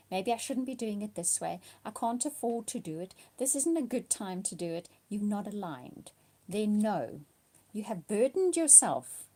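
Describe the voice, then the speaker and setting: Sick with a cold and partly hoarse, a woman gives her weekly tarot card reading in a soft, mid-range voice that sometimes drops to a whisper.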